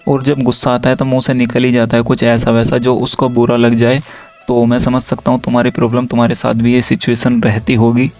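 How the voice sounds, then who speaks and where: Flat-voiced young man giving advice. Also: mid-range voice, fairly quick, soft background music. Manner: reads chat lines aloud in a flat steady tone, addresses viewers directly. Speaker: relationship advice creator. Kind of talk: casual explainer reading out chat messages.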